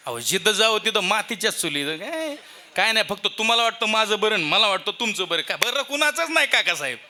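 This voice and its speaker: A man's voice: sits high, big pitch swings, a little fast, pushed and bright, slight background noise. A man with a rural Marathi accent giving a humorous devotional sermon at a temple festival, telling comic stories and acting out voices. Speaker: kirtan preacher.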